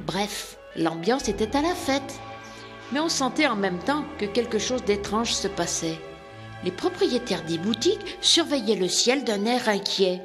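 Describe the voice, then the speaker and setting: A woman reading a children's Christmas story aloud, with an expressive storytelling manner. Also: mid-range voice, in a large hall. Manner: expressive, animated.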